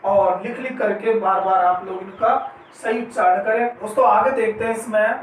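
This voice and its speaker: Man, teacher, spelling lesson, slow drawn-out words, rhetorical questions, very echoey room, faint background noise. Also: sits high, steady tone, far from the mic. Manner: slow, drawn-out pronunciation of each word, repeating it; asks questions and answers them himself. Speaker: Hindi grammar teacher. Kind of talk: exam-prep spelling lesson.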